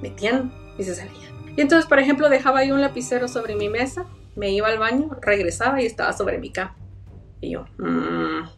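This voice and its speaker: A young woman earnestly telling a personal story, halting with fillers. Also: a little high. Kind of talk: personal paranormal testimony. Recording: voice a bit far from the mic, faint music behind.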